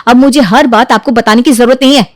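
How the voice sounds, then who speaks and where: A woman's voice: a little high, fairly even intonation, fast talker, no room sound, clean studio sound, close to an everyday voice. A woman voicing a touchy, defiant young woman who snaps and whines when she talks back. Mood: snappish. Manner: snappish, whiny, talks back.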